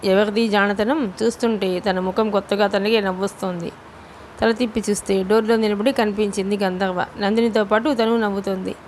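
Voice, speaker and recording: A woman narrating a novel as an audiobook reader, in a steady storytelling manner. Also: mid-range voice, fairly quick, slight background noise. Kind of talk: novel reading.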